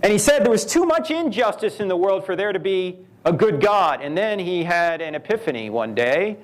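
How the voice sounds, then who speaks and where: A man giving a live lecture at a university. He talks in an animated way, asking rhetorical questions and telling stories. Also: high-pitched, normal speed. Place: university event hall.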